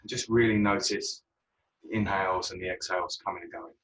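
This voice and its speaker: A man guiding a yoga class, relaxed and unhurried, with frequent ums. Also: low voice, recorded from a distance, a little hiss or hum, poor audio. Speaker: yoga teacher.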